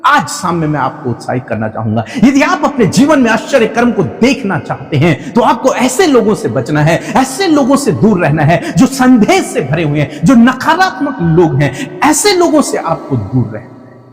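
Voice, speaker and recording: High, animated male preacher with reverb. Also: moderate pace, faint music behind. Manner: earnest, exhorting, rhetorical questions. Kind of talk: evening prayer sermon.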